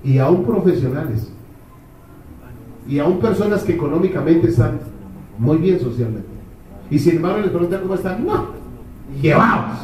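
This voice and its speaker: A man's voice: fairly high pitch, expressive, normal speed, pauses often, dark tone. A man preaching a fervent sermon, firing off rhetorical questions to the congregation. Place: church hall. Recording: echoey hall, distant mic.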